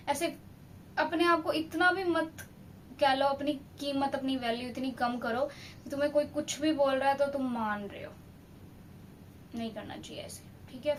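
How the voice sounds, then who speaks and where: High-voiced young woman telling a story. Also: a little hiss or hum. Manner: animated, indignant, scolding asides to the viewer. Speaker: storytelling vlogger. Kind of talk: casual storytime monologue.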